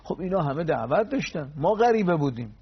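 Guy on a tv religion show telling old stories, raspy voice, kinda muffled lo-fi sound. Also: fairly high pitch, very animated. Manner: tells anecdotes with quoted dialogue and pious honorifics. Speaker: religious speaker on a TV program. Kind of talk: storytelling religious talk.

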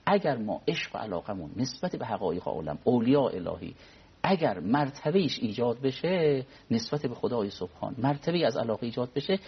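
A man speaking as a cleric guest on a religious talk program, explaining in a measured way and quoting Arabic prayers. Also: mid-range voice, sing-song, breathy edge, muffled recording. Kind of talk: religious discussion.

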